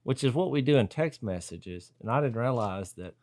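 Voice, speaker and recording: A man co-hosting a casual Bible discussion, thinking aloud and acting out quoted lines with sudden loud jumps. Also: mid-range voice, expressive, moderate pace. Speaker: podcast co-host.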